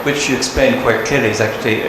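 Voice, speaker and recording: A male examiner delivers an academic critique in a mid-pitched voice. The space is highly reverberant, with noticeable background noise. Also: fairly even intonation, quick pace. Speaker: thesis examiner. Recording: very echoey room, clear background noise.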